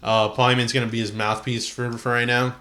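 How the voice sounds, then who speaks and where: A man's voice: medium pitch, little pitch movement, brisk, bright, forceful tone. A man hosting a podcast in a casual, slangy chat, peppering his talk with "dude" and "like". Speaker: podcast host. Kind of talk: casual chat about wrestling.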